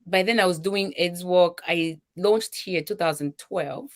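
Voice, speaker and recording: A middle-aged Zambian woman with a Zambian accent, who founded a charity, tells her own story with emotion and animation, acting out what others said to her. Her voice sits fairly low and she speaks a little slowly.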